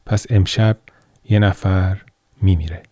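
A man's voice: low voice, fairly even intonation, mellow, no room sound. A man voicing a poor, cold little girl who sells matches, in a raised, plaintive childlike voice.

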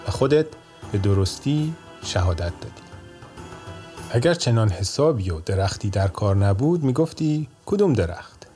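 A man voicing a shrewd, calm old male judge in a told folk tale, speaking in a measured way. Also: on the low side, lightly acted.

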